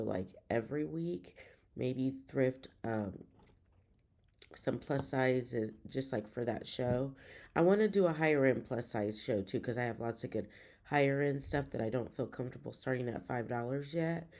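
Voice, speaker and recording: Chatty woman with a gravelly, dark voice. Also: very deep voice. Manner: chatty, rambling, upbeat. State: winded. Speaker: reseller vlogger. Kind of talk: casual vlog update.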